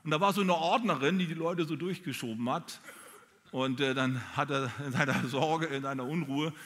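A man preaching a sermon, talking straight to his listeners in an animated way. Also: fairly high pitch, moderate pace, long reverb tail. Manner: animated, addresses listeners directly. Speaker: pastor.

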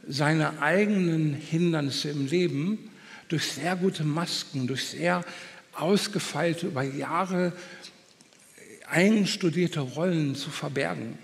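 Guy preaching a sermon, kinda high voice, speech a bit slurred like his jaw is wired, big echoey hall. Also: takes it slowly, vocal fry. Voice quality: impeded, slightly slurred articulation from a brace in the mouth after jaw surgery. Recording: long hall reverb.

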